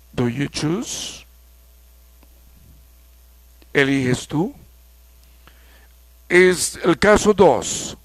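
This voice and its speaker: A man from Mexico teaching an English grammar lesson, explaining slowly and repeating key points. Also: a little high, no echo.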